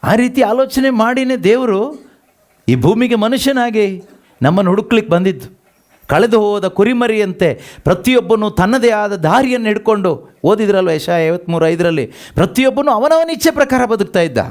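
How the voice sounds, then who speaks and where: A man's voice: high voice, lively intonation, moderate pace. A man preaching a sermon, asking the congregation rhetorical questions and repeating scripture lines after them. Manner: has the congregation read verses aloud and repeats each line after them.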